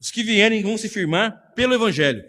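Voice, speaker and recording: A man's voice: sits high, lively intonation, brisk, sharp tone. A man pastor with a Brazilian Portuguese accent, preaching a sermon in a church in an emphatic, conversational way full of rhetorical questions. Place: church hall. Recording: long church reverb.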